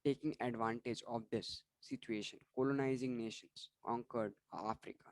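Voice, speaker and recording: A man's voice: mid-range voice, steady tone, moderate pace, no echo, low-quality recording. A man going through exam questions and answers for students in an online revision lesson, often restarting words and apologizing for slips. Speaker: online tutor.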